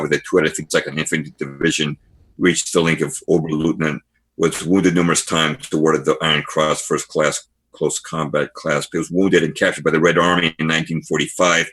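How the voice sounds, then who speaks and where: A man's voice: a bass voice, fairly bright tone, slightly rough. A man who is a guest author on a podcast interview, telling history as stories and reading passages aloud from books.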